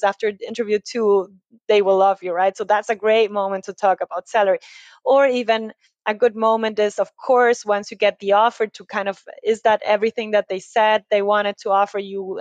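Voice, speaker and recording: A woman of middle pitch gives relaxed, chatty explanations as a podcast guest. She keeps checking in with tag questions and loose fillers as she talks. Her voice is close and dry, with no room echo. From Ecuador. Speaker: recruiting agency founder, podcast guest. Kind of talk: conversational podcast interview.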